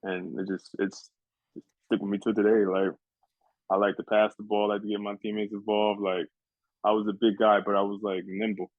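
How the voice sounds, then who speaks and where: Laid-back young man, low flat voice. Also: a little fast, no echo. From New Jersey. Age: young adult. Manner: laid-back, polite, keeps saying "yes, sir". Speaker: college basketball player. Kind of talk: casual interview answers. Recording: dry, phone-like lo-fi sound.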